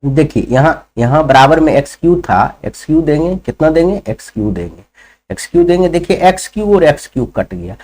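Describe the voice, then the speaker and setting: A man's voice: on the high side, expressive, brisk, a little mellow. A man teaching a school math lesson, explaining each step and often putting questions to his students. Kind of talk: classroom lesson.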